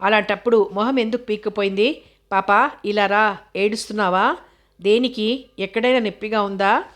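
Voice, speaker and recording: A woman voicing a kindly older male doctor who asks slow, gentle questions, in an audiobook reading. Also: medium pitch, steady tone, natural voice.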